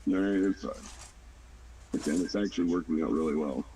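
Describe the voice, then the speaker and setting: A man's voice: sits low, moderate pace, mellow. A man chatting casually as a podcast co-host. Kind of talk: casual chat. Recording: distant mic, faint background noise.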